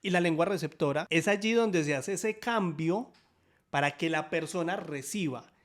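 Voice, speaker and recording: Teaching sign language in Spanish, a man with a slightly high voice keeps an upbeat, explanatory tone and often drops in quick questions to make sure everyone follows.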